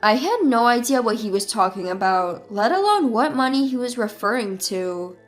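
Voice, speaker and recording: A woman in her twenties telling her own story as scripted first-person narration in an even, measured way. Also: on the high side. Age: 20s. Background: faint music.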